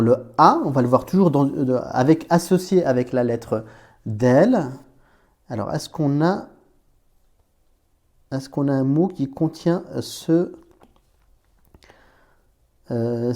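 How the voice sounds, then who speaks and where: Mellow-voiced man teaching a lesson. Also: medium pitch. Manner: patient, repeats points, talks to learner as tu; playful memory images for letters. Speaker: Arabic reading teacher. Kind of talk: informal explanatory lesson.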